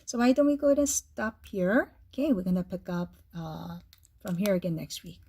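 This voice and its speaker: A woman teaching music theory in a husky voice that is wearing thin after a full day of talking. She explains each step patiently, keeping her pitch mid-range. She often checks in with a quick "okay?" or "right?". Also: warm tone. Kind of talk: classroom lesson.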